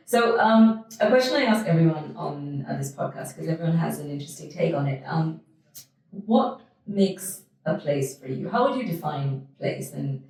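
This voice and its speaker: A woman's voice: deep voice, mellow. A woman hosting a podcast interview, enthusiastic and chatty, with many ums and uhs. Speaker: podcast host. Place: indoor venue in London.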